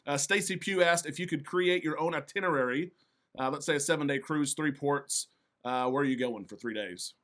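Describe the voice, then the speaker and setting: A man's voice: on the high side, a little fast, fairly bright tone. Agreeable man hosting a casual interview. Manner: agreeable, often repeats short affirmations. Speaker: interview host.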